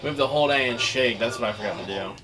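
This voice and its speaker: A man's voice: mid-range voice, quick pace. Guy mocking a console game as he plays, sarcastic, game music blaring behind. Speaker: game reviewer. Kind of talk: casual gameplay commentary.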